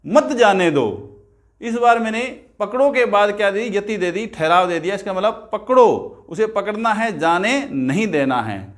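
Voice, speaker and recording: A man with a fairly high voice teaches a grammar lesson at an unhurried pace. He drills key terms by asking questions and then answering them himself. He recites lines of verse slowly and distinctly. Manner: slow, repeats key terms, asks and answers his own questions. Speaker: Hindi teacher. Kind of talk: grammar lesson on figures of speech.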